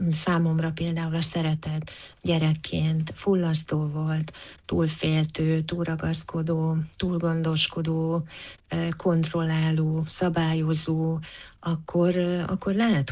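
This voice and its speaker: A woman's voice: deep voice, monotone. A woman answering interview questions as a psychologist, thoughtful, with frequent hesitations and restarts. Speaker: psychologist guest.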